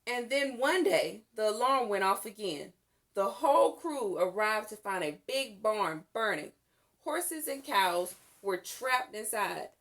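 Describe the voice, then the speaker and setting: With expressive, deliberate delivery, a woman at a medium pitch reads a children's story aloud as a storybook narrator.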